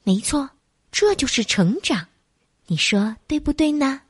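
A woman reads a bedtime story to a little child, softly coaxing and calling the listener baby. Her voice sits high and swoops up and down in a lively sing-song. The sound is dry and close. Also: a little slow, dry recording.

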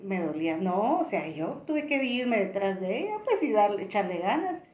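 A woman's voice: medium pitch, moderate pace, crowd noise. A young woman, telling stories as an interview guest in a casual conversation, laughing often. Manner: laughs often, animated storytelling. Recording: roomy, muffled podcast audio.

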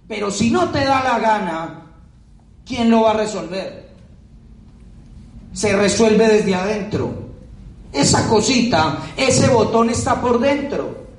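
A man with a high voice delivers an emphatic motivational speech to an audience. He repeats his key lines and throws out rhetorical questions. His voice echoes around a large hall and is picked up from a distance. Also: lively intonation, slow pace, pauses often. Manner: emphatic and repetitive, drives points home with rhetorical questions. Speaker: motivational speaker at a business event.

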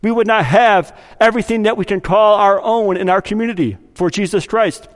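A man's voice: high voice, a little fast, in a large hall. A man preaching a sermon as pastor of a church, talking conversationally, acting out quoted voices and asking his congregation questions. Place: church sanctuary.

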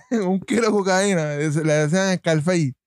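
A Puerto Rican man with a somewhat high voice banters and mocks in loose, joking chat. The sound is dry and close, with no room around it. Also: measured pace, a little mellow, dry recording. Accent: Puerto Rican Spanish. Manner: joking, mocking, laughs often. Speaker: podcast co-host. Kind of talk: casual banter.

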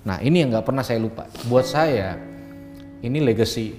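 A middle-aged man from Ambon telling his life story in an earnest, reflective way, growing quieter in the tender moments. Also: medium pitch, expressive, moderate pace, big-room sound, soft background music. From Ambon, Indonesia. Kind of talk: emotional personal storytelling.

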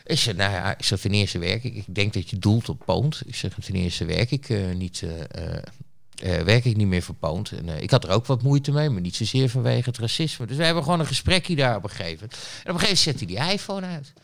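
A man's voice: on the low side, lively intonation, quick pace, creaky, a bit bright. A man being interviewed, who tells a story in a blunt, rambling way with lots of fillers and restarts. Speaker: interview guest, street reporter. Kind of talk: casual storytelling.

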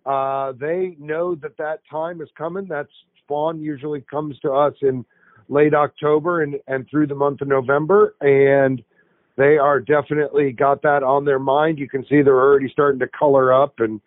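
A man calls in over a thin, tinny phone line to give his fishing report. He talks in a relaxed, wry, unhurried way. The sound is dry and boxed-in, with no room around it. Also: on the high side, dry recording. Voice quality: laid-back, wry, drawn-out phrasing. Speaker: fishing shop owner calling in. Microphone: telephone.

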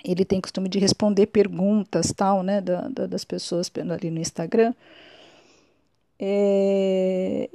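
A woman's voice: mid-range voice, dark tone, no room sound. A woman hosting a podcast. She gives a reflective solo monologue, musing and often restarting or correcting herself. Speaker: podcast host.

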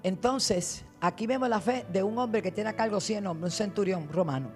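A woman preaching a fervent sermon, her voice sitting at a middle pitch for a woman. She retells scripture with drama, rising into loud emphatic lines and sinking into quiet low asides. Soft music plays faintly behind her. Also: normal speed. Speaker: guest preacher.

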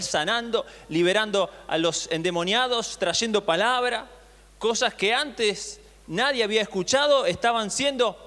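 A man's voice: high voice, fairly bright tone. A male pastor preaching a sermon, reading scripture aloud and retelling it with acted voices, often asking the congregation questions. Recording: long hall reverb.

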